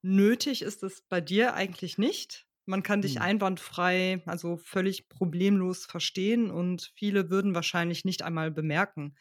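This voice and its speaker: A woman hosting a pronunciation podcast and interviewing her student, asking clear questions and laughing often. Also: lowish voice, fairly even intonation, moderate pace, hardly any pauses. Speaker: podcast host and pronunciation teacher. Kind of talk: friendly interview.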